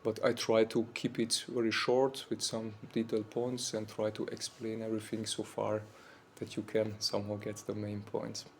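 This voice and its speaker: An Austrian monk in his forties speaks English with an Austrian German accent in an informal university talk, set in a lecture room. His slightly weak voice sits on the low side and stays monotone as he halts, hunts for words and keeps saying "like." There's slight background noise.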